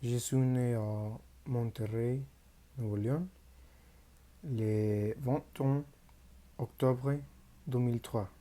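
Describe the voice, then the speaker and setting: A teenage boy from Mexico, a native Spanish speaker with a Mexican Spanish accent, reading a prepared class presentation in a careful, halting learner's way. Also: medium pitch, dark tone. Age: teens. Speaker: high school student.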